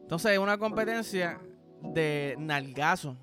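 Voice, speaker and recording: Podcast host: Puerto Rican man, high voice, profane joking rambler, music bed underneath. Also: animated, a little slow. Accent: Puerto Rican Spanish. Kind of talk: crude comedic podcast monologue.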